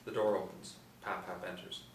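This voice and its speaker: At a table reading, a middle-aged man narrates screenplay stage directions aloud in a small indoor room. His voice is low-pitched and level, at a moderate pace, and the recording is roomy, picked up by a distant mic with light room noise.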